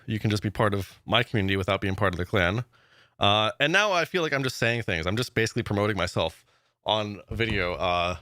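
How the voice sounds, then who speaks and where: A man giving a casual vlog update as a gaming YouTuber, excited and rambling with lots of fillers. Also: lowish voice, no room sound, studio quality.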